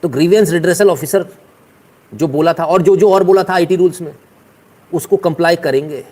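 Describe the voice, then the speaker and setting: A man's voice: on the high side, normal speed, darkish tone. Sarcastic man ranting on current affairs. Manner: mocking, scornful rant with shifting voices. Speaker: political commentary host. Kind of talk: sarcastic commentary.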